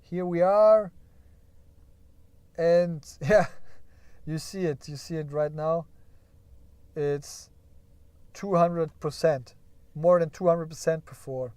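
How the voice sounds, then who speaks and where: A stock market streamer with a high-leaning, darkish voice that sounds clear and resonant speaks slowly with long pauses in a room-free recording. Sharing his screen, he thinks aloud about company earnings, chatty and hedging with frequent "yeah?", and jokes about crying over the results.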